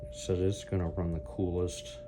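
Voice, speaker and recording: Low-pitched and moderately paced, this review video host shows off a product in a relaxed, unscripted way, rambling as he thinks aloud. The recording is clear, with a continuous hum and background noise.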